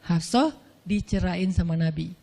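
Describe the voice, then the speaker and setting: Seorang penceramah pria yang bercerita dalam ceramah santai, gaya bicara akrab dengan celetukan gaul dan bercanda. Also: male voice, sits high, moderate pace, creaky, warm tone, big-room sound. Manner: chatty, playful, slangy asides. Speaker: preacher. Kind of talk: casual storytelling sermon.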